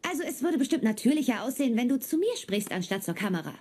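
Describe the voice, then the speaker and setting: A bubbly young neighbor. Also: female voice, on the high side, very animated, fast talker, darkish tone, slightly rough. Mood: friendly. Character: bubbly young woman neighbor, aspiring actress. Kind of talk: dubbed sitcom acting.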